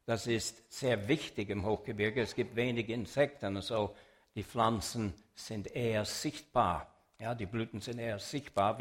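In a voice on the low side, a man speaks slowly while giving an illustrated religious talk. His delivery is deliberate and explanatory as he addresses the audience head-on, in what amounts to a public lecture with a sermon message.

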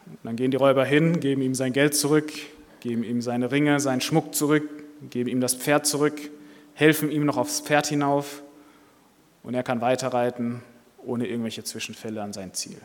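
Preacher telling a story in a hall. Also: male voice, medium pitch, steady tone, normal speed. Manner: narrative, earnest. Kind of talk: sermon with storytelling. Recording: long hall reverb.

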